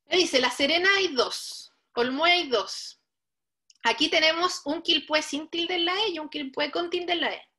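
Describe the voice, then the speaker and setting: A woman's voice: high-pitched, measured pace, bright, forceful tone. A woman leading an online coding workshop, patiently explaining each step and speaking straight to the learners. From Chile. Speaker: workshop instructor. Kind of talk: live online coding tutorial.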